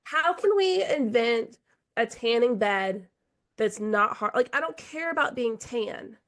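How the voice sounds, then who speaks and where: A woman co-hosting a relaxed podcast, her voice sitting a little high and roughened by a lingering cold. She rambles through stories with easy laughter and a friendly, conversational flow. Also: measured pace. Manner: chatty, storytelling, laughs often. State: hoarse from a cold. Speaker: podcast co-host. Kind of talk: casual chat.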